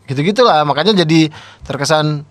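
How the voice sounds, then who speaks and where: A man chats casually, explaining slang through everyday examples and laughing easily. His voice sits a little high, and his intonation rises and falls in a lively way. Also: a little fast, crowd noise. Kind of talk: casual chat.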